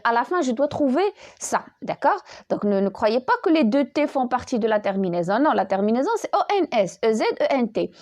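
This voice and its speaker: This French grammar teacher speaks in a slightly high, slightly mellow voice. She takes her time spelling verb endings letter by letter, and she tends to repeat words and begin sentences again.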